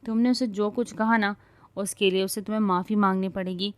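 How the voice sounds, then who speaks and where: A woman's voice: mid-range voice, level tone, darkish tone, no echo, lightly acted. A woman narrator voicing a young husband who scolds his wife firmly, then consoles her. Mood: stern. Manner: stern, raised voice.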